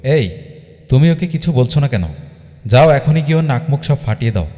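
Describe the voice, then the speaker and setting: A man's voice: mid-range voice, a little fast, mellow, in a large hall, natural voice. A man voicing a pushy, melodramatic young woman on a first date, demanding and scolding. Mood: angry scolding.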